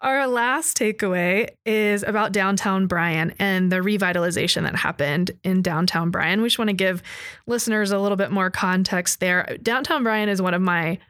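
A woman in her thirties co-hosting a podcast, explaining ideas in a steady, conversational way. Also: medium pitch, normal speed, dry recording. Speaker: podcast co-host. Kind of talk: casual chat.

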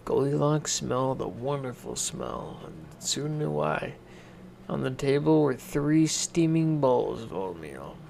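A man reading a children's fairy tale aloud in a gentle, deliberate manner. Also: mid-range voice, very animated, gravelly, a little hiss or hum. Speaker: storyteller.

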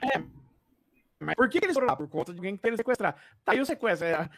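A man's voice: high voice, lively intonation, fast talker, fairly bright tone, no echo, clean studio sound. A man joining a casual movie-review podcast over an internet call whose audio stutters and breaks up. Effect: choppy, stuttering call audio that breaks up. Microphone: video or internet call.

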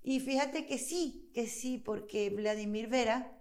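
An actress chatting as a guest in an interview, lively and quick to laugh, breaking into accent impressions. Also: female voice, fairly high pitch. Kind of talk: casual interview chat. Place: studio in Chile.

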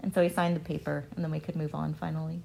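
Here is a woman's deep, gravelly voice moving at a fast clip. A math professor appearing as a radio interview guest in a radio studio, she talks casually and animatedly, performing the exchanges she recounts.

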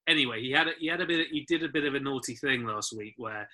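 Male podcaster, very bright, tense tone, amused storyteller. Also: medium pitch, fast. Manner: amused storyteller, laughs while talking. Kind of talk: casual football chat.

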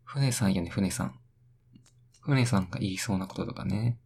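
A man's voice: deep voice, brisk, darkish tone, slight background noise. A young man hosting a solo radio talk, rambling, talking to himself and playing with words. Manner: rambling, talks to himself, plays with words in sing-song repeats. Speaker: podcast host.

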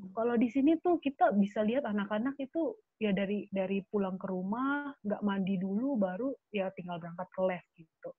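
A young adult woman speaking as a guest in an earnest, animated casual chat with many fillers. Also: mid-range voice, fairly quick, husky, no room sound. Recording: tinny phone-like line.

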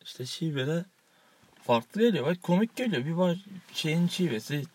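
A man's voice: a little high, expressive, normal speed, a little mellow, husky, no echo. A man co-hosting a casual, joking chat show, rambling and laughing often. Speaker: co-host.

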